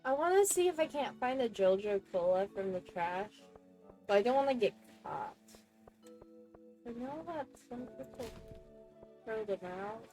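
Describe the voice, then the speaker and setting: A woman streamer chatting casually while gaming, expressive and laughing often. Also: on the high side, a little slow, pauses often, faint music behind, rough recording.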